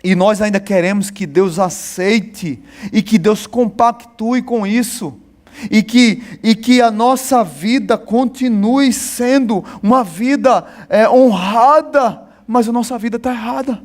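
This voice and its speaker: Brazilian pastor guy preaching in church, really high voice for a man, hammering the same phrases over and over. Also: slow pace. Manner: emphatic, repetitive, talks to congregation directly. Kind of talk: sermon.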